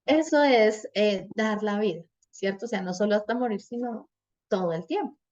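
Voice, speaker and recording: A woman's voice: medium pitch, moderate pace, highs cut off. A middle-aged woman teaching a parenting class, telling family stories and often checking in with "¿cierto?". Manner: animated, asks "¿cierto?" often.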